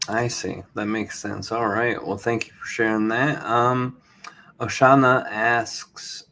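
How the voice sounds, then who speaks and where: A man's voice: lowish voice, fairly even intonation, takes it slowly, sharp tone, a little hiss or hum. A man hosting a podcast in casual interview chat, reflective and affirming, reading out listener questions. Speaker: podcast host.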